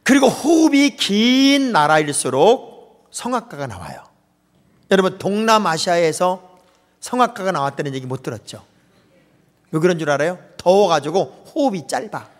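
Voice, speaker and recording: A man's voice: high-pitched, sing-song, normal speed. A middle-aged male pastor preaching a humorous sermon, joking with the congregation and mimicking dialects. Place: large church sanctuary. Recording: long reverb in a church hall.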